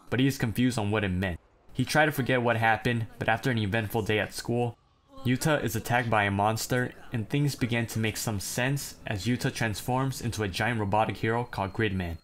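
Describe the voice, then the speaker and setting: A man narrating a ranked anime list, reading plot summaries and breaking off into blunt, profane, self-deprecating asides. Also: on the low side. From China.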